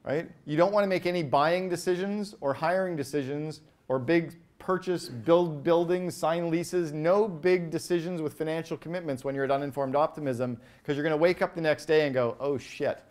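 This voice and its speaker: A seasoned Canadian keynote speaker addresses a live crowd on stage, his voice sitting a bit high for a man. Animated and energetic, he tosses short questions to listeners, runs rapidly through examples and performs the voices he quotes.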